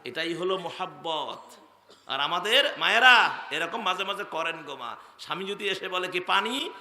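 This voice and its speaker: A man's voice: expressive, normal speed. A man preaching a waz sermon, dramatic and addressing the crowd directly. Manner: dramatic, swings from loud outbursts to low storytelling. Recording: echoey hall with long reverb.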